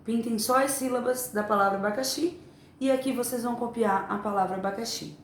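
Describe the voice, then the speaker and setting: A woman teacher giving a remote lesson to young children, explaining slowly and patiently. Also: a little high, slight background noise. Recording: echoey room, faint ambience.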